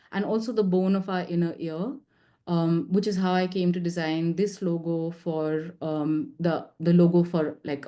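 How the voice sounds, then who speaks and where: A young woman presenting her work at a seminar, talking fast with lots of fillers and restarts. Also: on the low side, mellow. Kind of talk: academic presentation.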